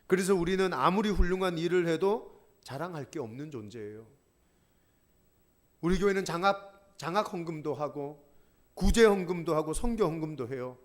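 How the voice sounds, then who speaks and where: A man preaching a sermon as pastor, telling a story in an animated way and addressing the congregation. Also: a little high.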